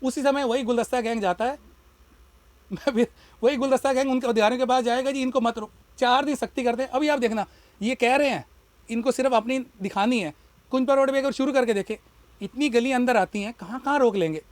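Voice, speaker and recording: A man's voice: very high voice, fairly quick, no room sound. A man who runs a shop, speaking in an impassioned, argumentative way in a street interview. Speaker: shopkeeper and party worker.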